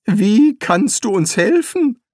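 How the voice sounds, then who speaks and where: Man doing a nervous wizard, high startled voice, audiobook. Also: big pitch swings, slow pace, dry recording, studio quality, full character voice. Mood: baffled. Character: baffled, nervous male wizard.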